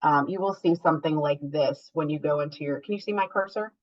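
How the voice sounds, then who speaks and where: A woman's voice: low voice, brisk. A woman teaching an online class over a group voice call, explaining step by step with many filler ums. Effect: heard over an online group voice call. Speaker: workshop instructor. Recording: dull lo-fi call audio.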